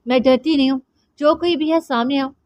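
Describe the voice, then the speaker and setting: Woman voicing a playful young wife, high and soft. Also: steady tone, brisk, no room sound, natural voice. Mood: frightened. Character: young wife, gentle, playful, later frightened. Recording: dry, slightly dull audio.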